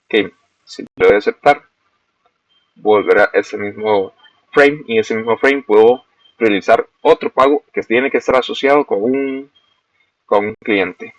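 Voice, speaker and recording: A young man, a student walking through a screen-recorded software demo step by step and correcting himself as he goes. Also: fairly low pitch, a little slow, dry recording. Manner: explains step by step, self-corrects. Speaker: student presenting a project. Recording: dull, lo-fi dry recording.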